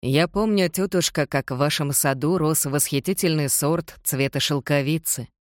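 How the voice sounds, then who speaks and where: An audiobook reader voicing a courteous, evasive young gentleman in a polite, reassuring manner. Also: mid-range voice, normal speed, no room sound, clean studio sound, close to an everyday voice.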